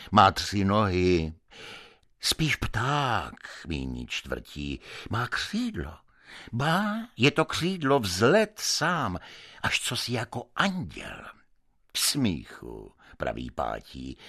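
A man giving an expressive literary reading with dramatic, sweeping intonation. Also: low voice. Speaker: reader.

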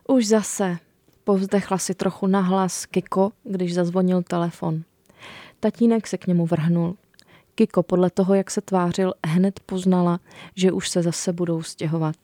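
A woman's voice: fairly low pitch, warm tone, dry recording. A woman, an author and radio guest, talking hesitantly with fillers and then reading her book aloud in a studio. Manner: hesitant, with many fillers when talking freely.

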